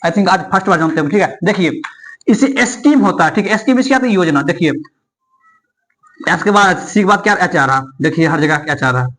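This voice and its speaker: Male English teacher, high voice, drills each rule by asking and answering his own questions. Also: lively intonation, a little fast, a bit bright. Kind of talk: classroom-style explanation.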